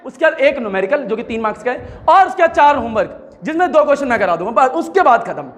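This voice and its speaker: Man, physics teacher, very high voice, chatty lecture style, keeps repeating key terms. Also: big pitch swings, quick pace, fairly bright tone. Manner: chatty, repeats key words, prompts students to answer. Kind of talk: classroom lecture dictating notes.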